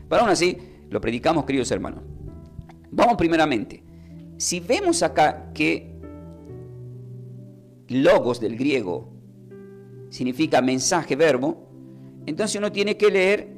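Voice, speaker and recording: A man, preaching a live-streamed sermon as a pastor and explaining word meanings step by step. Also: medium pitch. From Argentina.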